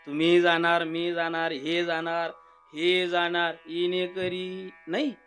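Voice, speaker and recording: A man's voice: fairly high pitch, slow, soft background music. A man giving a humorous devotional sermon, telling stories and asking the audience questions. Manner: animated storytelling, jokes and questions to the audience. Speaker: kirtan preacher.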